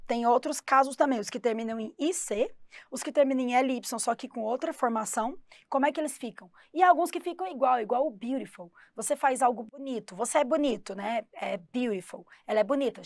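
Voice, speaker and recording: A woman teaching an English lesson for exam prep, chatty and explaining slowly, spelling out words letter by letter. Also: on the high side, dry recording, studio quality.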